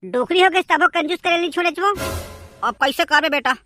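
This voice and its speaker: A woman with a Chhattisgarhi accent voicing a stingy old village woman in a cartoon, in a lower, frail voice. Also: brisk, pushed and bright, soft background music. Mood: complaining. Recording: noisy background hiss.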